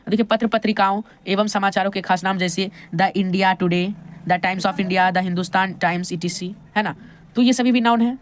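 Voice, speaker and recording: A woman with an Indian accent explaining a grammar lesson, checking in with the viewer as she goes and asking questions she then answers herself. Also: mid-range voice. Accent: Indian English. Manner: repeats "thik hai" and asks questions to the viewer. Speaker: English grammar teacher.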